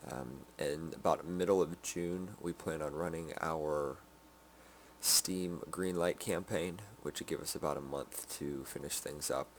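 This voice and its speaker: A sleepy man giving a casual game development update, halting with many ums and restarts. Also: rumbling low, fairly even intonation, a little hiss or hum. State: sleepy, yawning.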